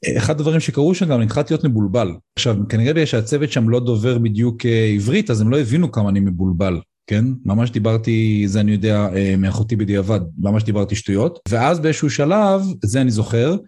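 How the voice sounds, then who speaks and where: A middle-aged man, an emergency physician, speaking as a podcast guest and pausing often on "uh" fillers as he talks. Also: on the low side, warm tone, breathy edge. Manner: hesitant, frequent "uh" fillers. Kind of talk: podcast interview, personal account.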